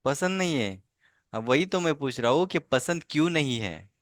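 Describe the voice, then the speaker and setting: A man's voice: fairly high pitch, sing-song, moderate pace, no room sound, clean studio sound. A man teaching a child over a video call, patient and coaxing, checking in often with little tag questions. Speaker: language teacher. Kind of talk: online tutoring lesson.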